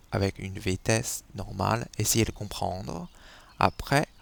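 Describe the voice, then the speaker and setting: Guy teaching a lesson, low voice, really slow and patient. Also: creaky. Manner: patient, repeats syllables to model tones. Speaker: Chinese language teacher.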